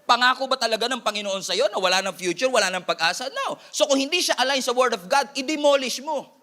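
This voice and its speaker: With a Filipino accent, a pastor preaches a lively, energetic sermon at a quick pace, blending Filipino and English and throwing playful asides to his congregation. His voice is high for a man, bright and forward.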